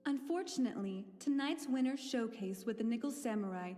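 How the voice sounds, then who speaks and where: A woman voicing a polite, calm female hotel announcer, making a soft hotel lobby announcement over the speaker system in a formal, courteous, measured way. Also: on the high side, big-room sound. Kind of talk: fan dub of a game.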